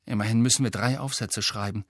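A man's voice: on the low side, fairly even intonation, fast, no echo, clean studio sound, lightly acted. A man reading an audiobook, voicing a tired, grumbling teenage boy wizard. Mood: weary. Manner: weary, grumbling.

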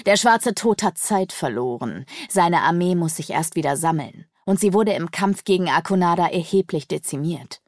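A woman's voice: on the low side, animated, normal speed, few pauses, dry recording. An imperious male demon sorcerer, as a woman reader puts him on for an audiobook. He barks his orders harshly and raises his voice sharply. The recording is dry and close. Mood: haughty. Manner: commanding, snapping, harsh. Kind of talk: audiobook character voice.

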